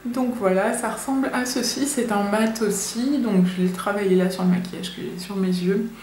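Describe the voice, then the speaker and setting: A woman's voice: medium pitch, normal speed, a little mellow. A young woman giving a chatty, enthusiastic makeup review, with a few hesitations. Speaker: beauty vlogger. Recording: echoey room, faint noise.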